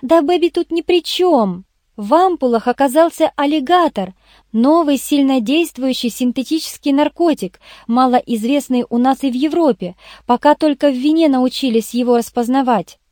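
A woman's voice: high voice, normal speed, darkish tone, no room sound, studio quality, voice pushed up, close to an everyday voice. A woman voicing a young female detective's assistant who purrs and pleads in a coaxing way in an audiobook. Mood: eager. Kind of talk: audiobook character voice.

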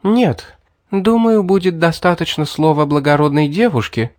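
A man voicing a spoiled, indignant young noblewoman in a fantasy audiobook, speaking high and imperious. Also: lively intonation, moderate pace, darkish tone, dry recording, studio quality, close to an everyday voice. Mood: haughty.

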